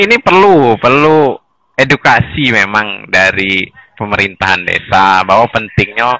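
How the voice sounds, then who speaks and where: Guest speaker, man, bright voice, dry close recording; lively explainer who chuckles and restarts. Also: lowish voice, no room sound, rough recording. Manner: animated, chuckles between points, restarts mid-sentence. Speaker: guest explaining village data administration. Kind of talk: casual explanatory conversation.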